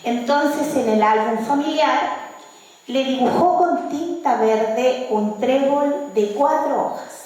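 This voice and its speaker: A woman presenting a book at a launch event, speaking slowly with hesitant fillers and reciting verse. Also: sits high, a little mellow. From Chile. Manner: slow, measured, with hesitant fillers. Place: event hall. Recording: very echoey hall, mic at a distance.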